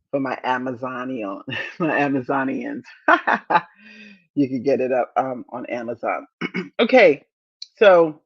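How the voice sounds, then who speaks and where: A woman in her fifties hosting a motivational podcast, speaking deliberately and repeating key phrases to encourage listeners. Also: rumbling low, husky, highs cut off. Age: 50s. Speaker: podcast host.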